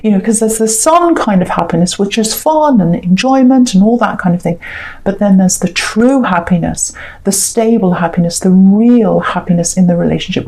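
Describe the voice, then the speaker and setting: A woman's voice: medium pitch, a little mellow, low-quality recording. A woman giving a mystical tarot reading in a conversational, unscripted way, explaining her intuitions hesitantly and reassuringly, often repeating herself. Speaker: tarot reader.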